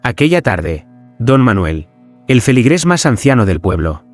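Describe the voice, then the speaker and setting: A man's voice: medium pitch, very animated, unhurried, faint music behind. A man telling a first-person horror story as a priest, in solemn, dramatic scripted narration.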